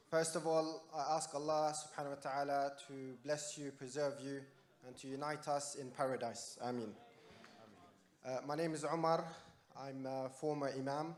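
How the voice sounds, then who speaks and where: A man in a theatre audience asking a long, earnest question in formal, religious phrasing. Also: medium pitch. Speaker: audience questioner, former imam.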